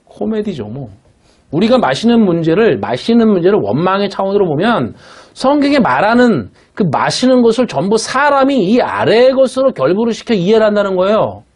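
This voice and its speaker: A man's voice: sits high, sing-song, brisk. A man preaching a sermon as pastor, emphatic and blunt, often asking the congregation "예?" to check they follow. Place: church worship room.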